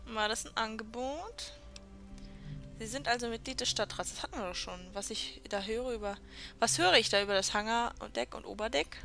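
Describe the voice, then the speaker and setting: A woman's voice: fairly high pitch, normal speed, creaky, a bit bright, soft background music. A woman hosting a let's play, chatting sarcastically while reading the game's dialogue aloud. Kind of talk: gameplay commentary.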